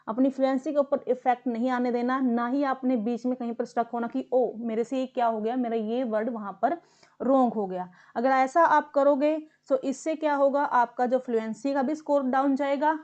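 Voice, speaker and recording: Higher-voiced woman tutor, dull lo-fi sound. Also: warm tone. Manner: explanatory, coaching tone, repeats instructions. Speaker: English speaking test tutor. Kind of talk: instructional tutorial.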